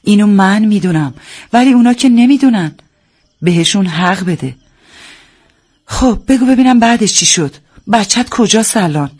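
Brief: woman voicing a firm, level-headed friend, slightly breathy, talking someone down calmly. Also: medium pitch, pauses often, lightly acted. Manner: level, reasoning, steadying. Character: calm, firm female friend giving advice.

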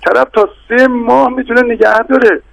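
A man's voice: very high-pitched, steady tone, gravelly, no echo, rough recording. A middle-aged man, a bazaar guild representative, debating politely but insistently as a guest on a radio talk show. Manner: insistent, polite, repeatedly addresses the host.

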